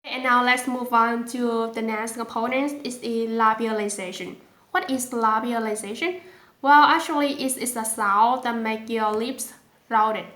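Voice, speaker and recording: Slow-speaking woman with a Vietnamese accent. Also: fairly high pitch, fairly even intonation, a bit bright, echoey room. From southern Vietnam. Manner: slow and careful, repeating sounds aloud. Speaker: language teacher. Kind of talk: pronunciation lesson.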